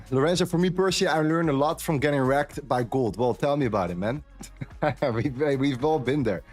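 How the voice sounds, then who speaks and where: A man's voice: medium pitch, moderate pace, husky, soft background music. A man from the Netherlands, chatting candidly on a trading live stream and repeating phrases for emphasis. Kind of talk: casual chat on a live stream.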